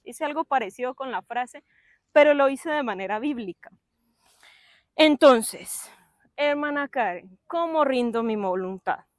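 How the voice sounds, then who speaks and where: A young adult woman giving a lively, chatty sermon at a church service, with playful asides and acted-out voices of her listeners. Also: high voice, measured pace, no echo, studio quality.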